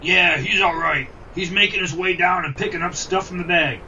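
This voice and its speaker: A man's voice: high-pitched, moderate pace, sharp tone. A man voicing a sled dog in a team, in a children's audio drama. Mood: relieved. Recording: distant, muffled, faintly noisy recording.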